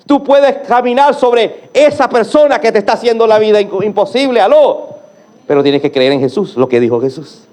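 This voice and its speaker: Preaching at a moderate, animated pace, this male pastor fires off emphatic rhetorical questions. He moves back and forth between quiet low lines and loud, climbing calls.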